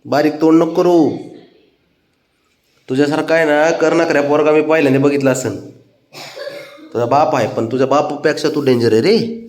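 A man's voice: on the high side, steady tone, moderate pace, long pauses, darkish tone, reverberant. A man talking to his cat at home, coaxing and scolding it by turns. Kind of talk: casual talk to a pet.

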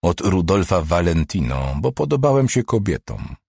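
A man voicing a wry, self-mocking male police detective in an audiobook, close to his own deep, husky voice. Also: very animated, moderate pace, a little mellow, no echo, full character voice. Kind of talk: audiobook character voice.

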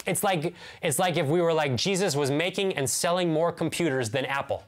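An American pastor in his thirties preaches a sermon to camera from a small indoor room lined with bookshelves. His voice is fairly high and fairly quick. He sounds earnest and emphatic, repeating key phrases and posing rhetorical questions as he teaches.

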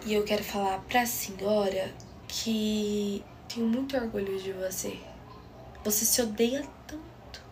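A young woman tells a dramatic personal story and speaks straight to her listeners. Her voice sits at a middle pitch and carries intense feeling. A faint hiss runs under the recording. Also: a little slow, darkish tone.

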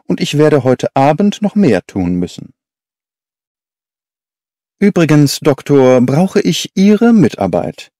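A man plays Sherlock Holmes, a brisk and eager detective. He speaks with lively rises and falls and asks pointed questions. His tone is mellow, recorded dry and close. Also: fairly high pitch, dry recording.

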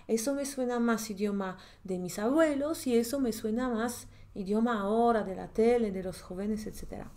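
A woman with a Polish accent, a language teacher thinking aloud as she prepares a grammar lesson, repeating words slowly while she checks them. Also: fairly high pitch, a little mellow. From Poland.

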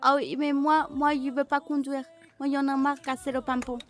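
Woman putting on a high chirpy foreign medic. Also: level tone, fairly quick, soft background music, natural voice. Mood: babbling. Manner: broken pidgin speech, repeats herself. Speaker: streamer role-playing a medic. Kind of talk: in-character game role-play.

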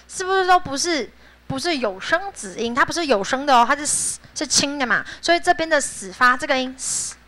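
A woman teaching a high school English vocabulary class in a classroom, chatty and playful, laughing often and drilling pronunciation. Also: sharp tone.

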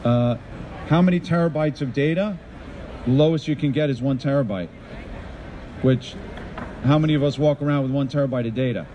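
This middle-aged presenter speaks a little fast at a medium pitch, leaving long pauses, and the sound is lo-fi. He's giving an upbeat live tech talk into a handheld mic at a trade show, quizzing the audience with questions amid faint show-floor noise.

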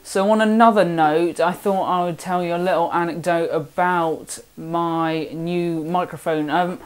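A man's voice: a little high, steady tone, measured pace, clean tone. A chatty seventeen-year-old lad with a southern English accent, talking through a casual vlog voice-over in a rambling, self-deprecating way. He speaks from his home workshop. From south of England. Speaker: woodworking vlogger.

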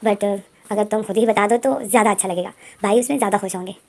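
A woman's voice: medium pitch, steady tone, fast, darkish tone, natural voice. A woman playing a sulky teenage schoolboy. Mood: bantering. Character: teenage schoolboy ruled by his strict older brother.

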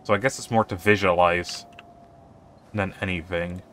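A man's voice: deep voice, fairly even intonation, normal speed, background noise. A man giving casual, offhand commentary while playing a survival video game. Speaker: gaming youtuber.

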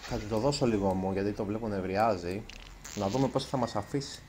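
With a lowish, darkish voice and slight hiss or hum on the audio, this gaming YouTuber narrates a let's play. Chatty yet self-conscious, he occasionally stumbles over his words.

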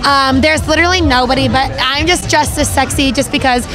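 A woman's voice: high voice, fairly quick, rough recording. A young woman chatting casually and jokily into a handheld mic outside on a night out. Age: young adult. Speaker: interviewee on a night out. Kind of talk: casual, jokey chat. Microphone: handheld interview mic. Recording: crowd and music behind.

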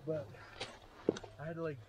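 A soft-spoken man in a casual chat, hesitant and filling his talk with "like". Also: on the high side, level tone, normal speed, highs cut off, heavy background noise. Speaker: motorcycle rider.

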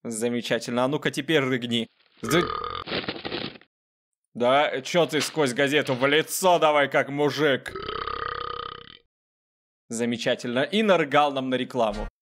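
Саркастичный мужчина комментирует игру. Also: male voice, medium pitch, measured pace, long pauses, background noise. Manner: sarcastic, talks to the game character. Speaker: gaming video host. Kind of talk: casual joking gameplay commentary.

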